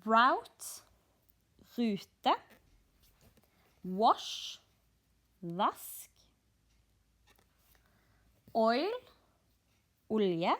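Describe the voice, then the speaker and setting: A Norwegian woman with a Norwegian accent explaining her stitching in an unhurried, methodical way, sleepy after only a few hours of sleep. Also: a little high, very animated, a bit bright. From Norway. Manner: unhurried, methodical, pauses between words while stitching. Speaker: cross-stitch vlogger. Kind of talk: slow stitch-along commentary.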